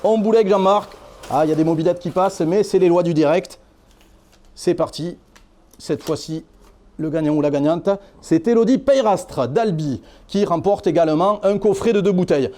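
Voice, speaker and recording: A man hosts a live prize draw. He keeps the patter lively and playful. His voice is high but mellow. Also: normal speed.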